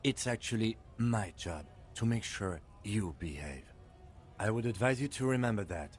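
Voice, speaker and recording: Brief: actor as a composed game cop, lowish voice, measured and firm. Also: male voice, expressive, faint music behind, lightly acted. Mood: stern. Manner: measured, quietly stern. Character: calm, composed police lieutenant, firm and dry.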